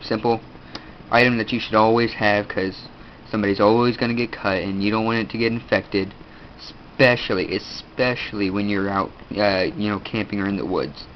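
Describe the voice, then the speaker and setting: A male teen with a stuffy nose hosts a video, casually presenting his gear in a lowish voice with fairly even intonation. His speech is rambling and hesitant, thick with fillers, and the dull lo-fi recording carries faint background room noise.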